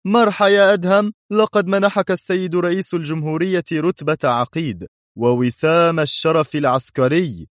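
Male narrator playing a hearty ambassador, raised pitch, cheerful, dry audiobook sound. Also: normal speed, dry recording, close to an everyday voice. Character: jovial older male ambassador.

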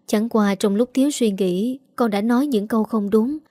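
A woman voicing a young new mother who speaks softly and apologetically. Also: a little high, normal speed, no echo, clean studio sound, lightly acted. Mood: pleading. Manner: soft, apologetic.

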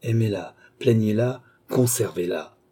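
A man voicing a commanding, mysterious count in an audiobook, giving firm, measured orders. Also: fairly low pitch, warm tone, slightly rough. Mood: imperious.

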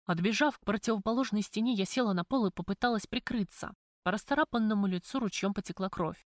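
A woman narrating a first-person novel as an audiobook, calm and measured. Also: mid-range voice, no echo, studio quality.

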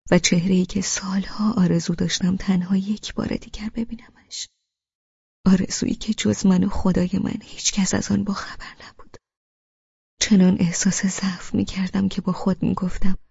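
A woman narrating an audiobook in the first person, in a hushed, intimate, half-whispered way. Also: mid-range voice, gravelly, slightly rough, no echo, lo-fi sound.

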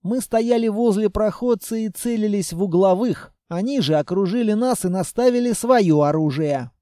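A man narrating a first-person adventure audiobook in a measured, dramatic way. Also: sits high, warm tone, dry recording, clean studio sound.

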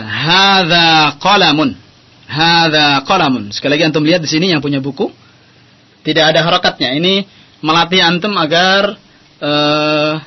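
A man teaching a radio Arabic lesson, patiently drilling phrases and quizzing his listeners. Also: fairly high pitch. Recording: dull lo-fi AM radio audio.

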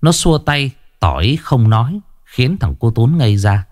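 A man narrating a ghost story with a lively storytelling delivery. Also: medium pitch, a little slow, no room sound, studio quality.

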